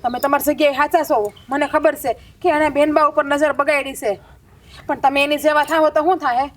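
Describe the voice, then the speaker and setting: A woman plays a sensible young village wife in a village family drama, talking in a high voice and steadily reasoning for calm. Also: normal speed, natural voice. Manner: calming, reasoning. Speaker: sister-in-law.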